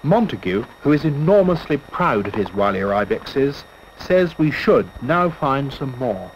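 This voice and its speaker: A man narrating a nature documentary from a script, telling the expedition in measured, literary first-person style. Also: medium pitch, sing-song. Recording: dull lo-fi old film soundtrack with hiss.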